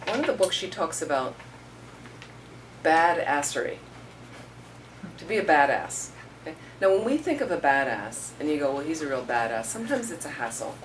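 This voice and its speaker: Very animated and deep-voiced, a middle-aged Buddhist teacher talks at a normal speed in an informal session, storytelling in a conversational way and dramatizing people's words. The recording comes from a distant microphone with faint room noise.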